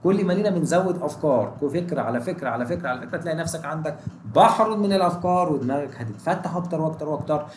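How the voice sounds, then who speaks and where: A man's voice: fairly high pitch, racing, reverberant, slight background noise. A man with an Egyptian Arabic accent, a math teacher walking through exam exercises and keeping his students involved with constant questions. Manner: energetic, keeps asking students questions.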